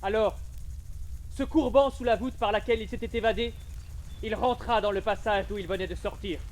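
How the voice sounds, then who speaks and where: A man on an outdoor stage narrating a historical novel in a steady, vivid storytelling manner. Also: sits high, normal speed. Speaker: narrator and actor.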